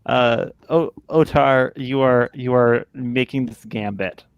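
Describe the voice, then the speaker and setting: A man narrating a tabletop role-playing game as game master, halting and often repeating words as he goes. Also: mid-range voice, smooth, dry recording, muffled recording.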